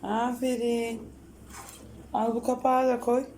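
A woman talking to her small child at home, coaxing, praising and gently scolding him. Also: fairly high pitch, flat delivery, slow, slight background noise. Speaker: mother playing with her toddler.

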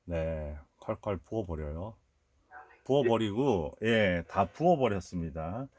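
A man retelling a film's plot as a commentator, acting out the characters' lines as he goes. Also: slow. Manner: acts out the characters' lines with lively shifts in pitch. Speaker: film commentator.

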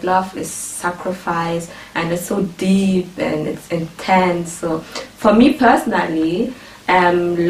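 A young woman hosting a casual youth discussion show, chatty and thinking aloud with fillers, filmed indoors. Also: fairly low pitch. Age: young adult. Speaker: host. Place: indoor living room. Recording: roomy, distant camera audio with faint hiss.

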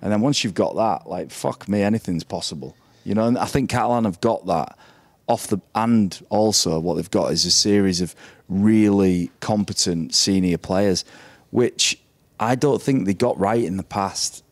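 Ex-player pundit, man, lowish voice, blunt and sweary, dry close mic. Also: moderate pace, no room sound. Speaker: podcast pundit, former player. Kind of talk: live podcast chat. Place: brewery taproom, live audience.

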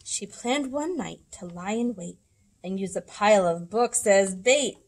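A woman in her thirties reading rhyming picture books aloud to children, with dramatic, deliberate storybook phrasing. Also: medium pitch, poor audio. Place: indoors in a library room.

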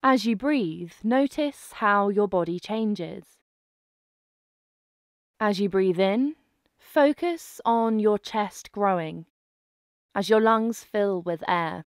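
A woman narrating a guided breathing meditation in a gentle, calming manner. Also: mid-range voice, no room sound, clean studio sound. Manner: slow, gentle, calming delivery with soft phrasing.

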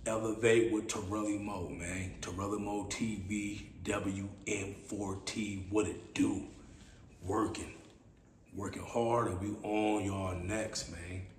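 Low-pitched and raspy, a podcast host in his thirties takes his time through a casual solo monologue, playful and easygoing, circling back to the same phrases. He sits in a small indoor room, heard through a mid-distance camera mic with echo and steady hiss.

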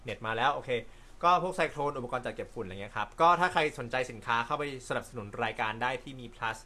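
Bright-voiced man hosting a relaxed live chat. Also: mid-range voice, fast. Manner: relaxed, chatty, laughs often, apologetic asides. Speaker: host. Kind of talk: casual live-stream chat reading viewer comments.

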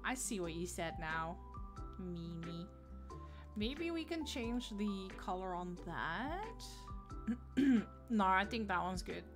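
A chatty woman with a Dutch accent, streaming from home. Her bright, clear voice swoops up and down a lot. She talks slowly and giggles often while greeting viewers by name. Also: on the high side. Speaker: livestreamer. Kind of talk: casual livestream chat while gaming.

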